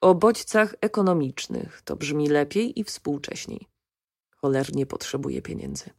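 A woman's voice: sits low, lively intonation, measured pace, creaky, darkish tone, slightly rough, dry recording, clean studio sound, exaggerated voice. A woman reading a wry, weary young engineer.

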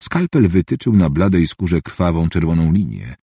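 A man reading a novel aloud as an audiobook, in an even, measured narration. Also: low voice, vocal fry, breathy edge, dry recording, studio quality.

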